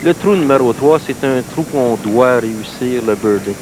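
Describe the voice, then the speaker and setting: Male Quebecois color analyst, golf-commentary style, mid-pitched and informal, explaining play over clear background noise on a dated TV recording. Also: moderate pace. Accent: Quebec French. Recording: noisy late-1980s TV sports recording.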